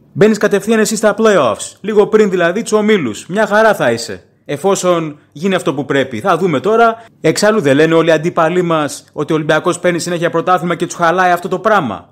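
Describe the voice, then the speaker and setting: Opinionated man hosting a fan podcast. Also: sits high. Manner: opinionated, plain-spoken and rambling. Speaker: podcast host and football fan. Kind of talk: casual solo podcast commentary.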